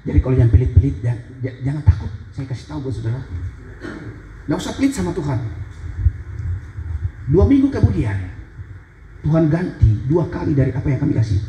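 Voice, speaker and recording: A man preaching a sermon with a somewhat high voice, pressing his points home by repeating short phrases and calling out to the congregation. The sound is roomy and echoey, with a steady noise underneath. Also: brisk, long pauses. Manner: emphatic preaching, repeats key phrases, addresses congregation directly. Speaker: pastor.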